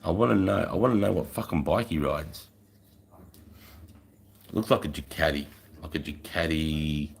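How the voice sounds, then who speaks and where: A man's voice: a bass voice, moderate pace, creaky, pauses often. An Australian man chatting casually on a livestream in a blokey, sweary way full of mates and bros. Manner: blokey, frequent swearing and mate-bro slang. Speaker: livestreamer, former infantry soldier.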